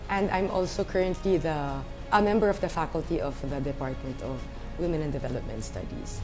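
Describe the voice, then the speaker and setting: Woman academic, deep voice, poised and precise; music bed behind. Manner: composed, precise. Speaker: university gender studies director. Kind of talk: formal self-introduction.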